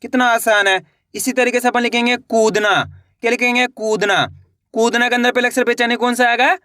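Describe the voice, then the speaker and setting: A man with a high voice leads a beginners' writing lesson and breaks each word into syllables that he draws out slowly. He says each word, asks for it back and keeps calling his viewers friends. The sound is dry and close, with no room around it. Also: fairly even intonation, pushed and bright, dry recording. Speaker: teacher.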